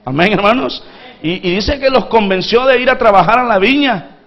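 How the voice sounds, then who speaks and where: Man, pastor, sermon, call-and-response, high voice, lo-fi recording. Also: moderate pace. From Honduras. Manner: preaching with call-and-response to the congregation; acts out pleading voices from the parable.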